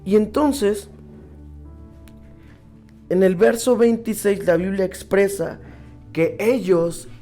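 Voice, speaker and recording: A man's voice: sits high, fairly even intonation, slow, long pauses, dark tone, faint music behind. A man preaching a sermon who keeps checking in with his listeners through rhetorical questions.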